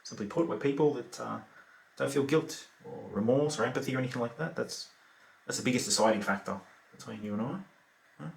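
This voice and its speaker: A man's voice: mid-range voice, fairly quick, creaky, far from the mic, close to an everyday voice. An Australian actor performing a monologue as a remorseless, lazy male killer, talking in an offhand, laconic way full of fillers. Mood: offhand calm. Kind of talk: theatrical monologue. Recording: roomy echo.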